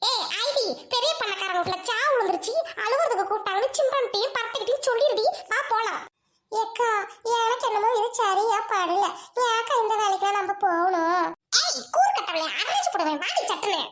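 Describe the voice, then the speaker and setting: A woman with a Tamil accent voicing bickering, scheming village women in a cartoon, with a shrill voice. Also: animated, fairly quick, background noise. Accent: Tamil, Trichy region. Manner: bickering, mock wailing. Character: sharp-tongued, scheming village women, adult. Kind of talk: cartoon voice acting.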